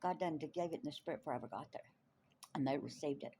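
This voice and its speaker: A woman tells her faith testimony in an animated way, laughing often and repeating lines for emphasis. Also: sits low, fast talker, slight background noise. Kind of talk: testimony storytelling.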